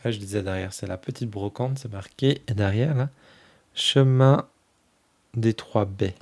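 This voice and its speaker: Slow, soft-spoken man leafing through cards. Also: fairly low pitch. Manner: gushes fondly over each card. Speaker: tarot channel host. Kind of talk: casual oracle deck flip-through.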